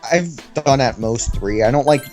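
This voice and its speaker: A man co-hosting a let's play in loose, halting chat. He is agreeable and a bit self-deprecating, with a lively, animated pitch. Faint game music plays behind him. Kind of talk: casual gameplay chat.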